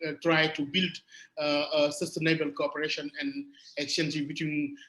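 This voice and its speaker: Man, French accent, English not his first language; bright, higher voice; halting delivery with frequent restarts; echoey room. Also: flat delivery. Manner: halting, searching for words, many restarts. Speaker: panelist. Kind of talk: remote panel talk.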